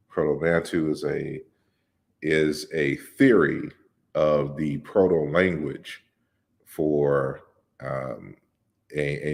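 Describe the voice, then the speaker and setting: A man hosting a casual livestream Q&A, reading out viewer questions and answering them in a relaxed, lecturing way with many fillers and restarts. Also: rumbling low. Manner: explains at length in a measured, lecturing way. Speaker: host of an open discussion livestream.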